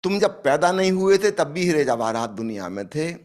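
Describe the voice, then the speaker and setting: A man delivers a spiritual discourse as a parable, acting out the characters' lines. His voice sits a little high and swings widely in pitch, rising sharply on emphasis. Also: very animated, moderate pace. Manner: storytelling, acts out dialogue, emphatic rises. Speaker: spiritual speaker.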